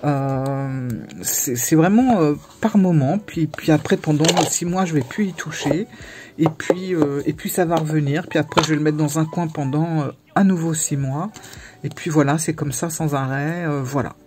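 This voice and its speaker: A woman vlogger chatting casually to the camera about her tarot decks, in a halting, self-interrupting way with frequent pauses. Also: low-pitched, noisy background.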